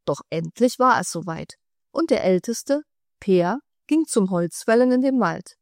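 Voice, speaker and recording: A woman narrating a fairy tale in calm, measured storytelling. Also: mid-range voice, no room sound, clean studio sound.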